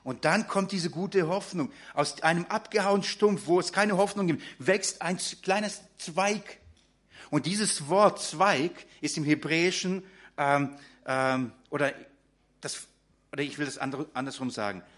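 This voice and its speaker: A man's voice: fairly high pitch, a little slow, a bit bright. A man preaching a sermon in German, talking directly to his congregation with frequent fillers and restarts.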